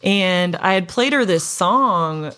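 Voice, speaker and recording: A woman's voice: on the low side, expressive, slow pace, a bit bright. A young woman from Montana, a singer-songwriter guest, telling a story in casual chat with many fillers and restarts.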